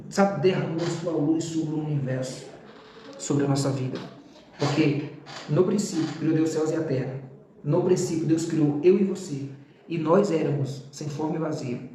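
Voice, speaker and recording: A man teaching a recorded theology class, explaining terms in a didactic way, repeating key words slowly and checking in with his students. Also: fairly high pitch, steady tone, warm tone, reverberant, a little hiss or hum. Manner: didactic, talks straight to the student with "tá?" and "ó"; drawn-out repetition of key terms.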